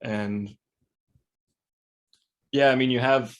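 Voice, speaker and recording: Podcast guy, mid-pitched voice, laughs a lot and just chats. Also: fairly even intonation, takes it slowly. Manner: laughs easily, loose and chatty. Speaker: podcast co-host. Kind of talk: casual chat.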